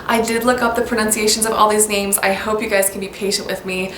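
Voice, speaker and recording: Talking quickly in a level, fairly bright mid-range voice, a woman from the United States gushes about baby names to her camera and occasionally spells words letter by letter. The room is echoey and has some background noise.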